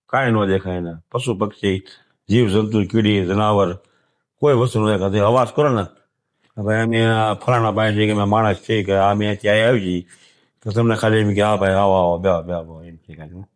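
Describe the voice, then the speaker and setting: An older man, talking in an emotional interview, soft and halting, often trailing off quietly. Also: fairly low pitch, steady tone. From Gujarat, India. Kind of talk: emotional interview, plain talk.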